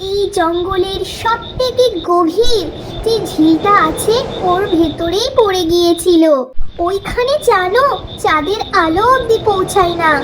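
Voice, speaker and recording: A woman plays a young mermaid in a cartoon, scared and pleading. The voice is very high and thin, over a noisy hiss. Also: measured pace. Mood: tearful. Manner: tearful, pleading. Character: frightened young female mermaid. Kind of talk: cartoon voice acting.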